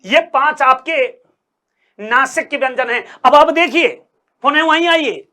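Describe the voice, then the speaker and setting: Male coaching teacher, high-pitched, bright tone, slow delivery, repeats phrases, sounds out letters, quizzes the class. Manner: sounds out letters slowly to demonstrate; addresses students as sir and brother. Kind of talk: Hindi grammar lecture.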